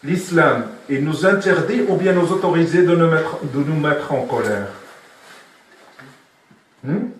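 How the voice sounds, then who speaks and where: Man teaching in a booming echo. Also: a little slow, long pauses, slight background noise. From Morocco. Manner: questions listeners, repeats key points. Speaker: sheikh teaching Sufism. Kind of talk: spoken religious lesson. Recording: very echoey room, from far off.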